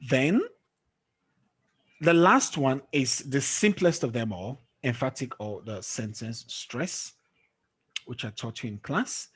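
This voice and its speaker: A man's voice: medium pitch, lively intonation, takes it slowly, long pauses, husky. A man teaching an English pronunciation lesson over a video call, checking often that his student follows. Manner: checks understanding often with "okay?". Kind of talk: online tutoring lesson.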